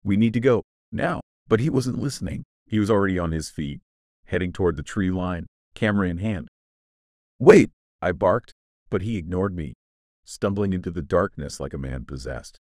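A man with a very low, deep voice tells a horror story in the first person, grave and full of suspense. The recording is close and completely dry, with no room sound at all. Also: lively intonation, brisk, darkish tone, no room sound. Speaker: narrator.

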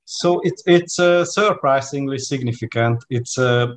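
A man's voice: medium pitch, measured pace. A man in his forties from Hungary with a Hungarian accent, speaking as an interview guest over a video call, hesitant with many fillers and restarts. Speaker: guest lecturer. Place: home room with plants. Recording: faint background noise on video call.

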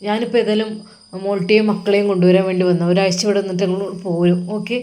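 A woman voicing a kindly, affectionate middle-aged brother-in-law who asks soft, coaxing questions. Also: mid-range voice, level tone, fast, natural voice. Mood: fond, worried. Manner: soft, coaxing questions, calls him dear son.

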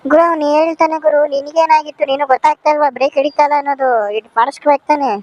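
A man's voice: very high-pitched, flat delivery, very fast, dry recording, highs cut off, voice pushed up. A man voicing a cheeky talking motorbike that scolds its rider in a comic motovlog sketch. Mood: scolding. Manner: bossy, scolding, talks back.

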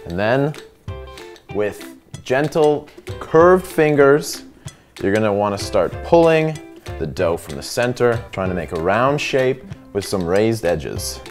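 A young man hosts a comedic cooking show from a home kitchen, presenting in an overeager, showy way. His pitch swings about a lot, and faint music plays underneath. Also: lively intonation, slow. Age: young adult.

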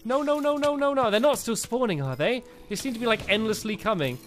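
A man's voice: very high-pitched, expressive, a little fast, fairly bright tone, faint music behind. A man giving chatty, casual game commentary, laughing often and restarting his sentences. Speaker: game channel host.

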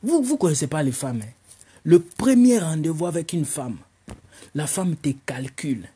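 A man's voice: fairly high pitch, lively intonation, moderate pace, warm tone, husky. A man performing a stand-up comedy monologue, mocking and teasing his audience.

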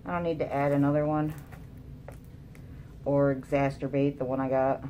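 A woman's voice: extremely low pitch, flat delivery, normal speed, warm tone, a little hiss or hum. A woman casually narrating a craft tutorial, her voice muffled by a mask over her mouth. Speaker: resin craft demonstrator.

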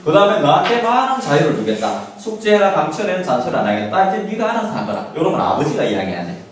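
This is a middle-aged man addressing parents in a small classroom, very animated and quick, his voice a little high. His informal talk is emphatic and peppered with rhetorical questions. A camera far from him records it, despite his handheld mic, yielding an echoey sound with background noise.

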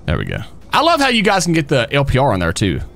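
Fast-talking, very animated man streaming. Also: medium pitch, vocal fry, faint music behind. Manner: folksy, excitable, addresses chat and buddies. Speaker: streamer and police role-play host. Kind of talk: casual live stream chat while playing.

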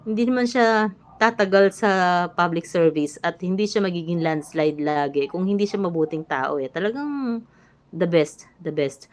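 A woman's voice: fairly low pitch, animated, normal speed. A Filipino woman talking casually on a live vlog, short of breath and strained after thyroid surgery, chatty with many fillers. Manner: chatty, frequent fillers and restarts. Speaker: vlogger.

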